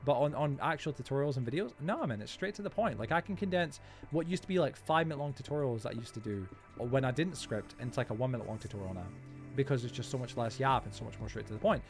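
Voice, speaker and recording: A man hosts a casual gaming livestream with rapid, nonstop chatter. His mid-pitched voice rambles on informally, full of slang as he talks to viewers. Faint music plays along with his speech. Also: expressive. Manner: informal, slangy, often addressing viewers as bro, man, dude.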